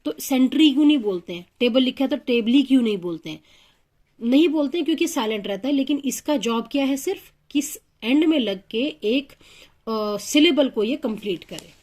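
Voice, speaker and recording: A woman teaching English phonics in a patient, step-by-step way, working through examples with pauses and fillers. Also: sits high, expressive, a little mellow. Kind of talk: phonics lesson explanation.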